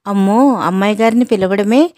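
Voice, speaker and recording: A woman voicing an anxious male house servant who talks in a hushed, fretful way. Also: medium pitch, normal speed, dry recording, clean studio sound, lightly acted.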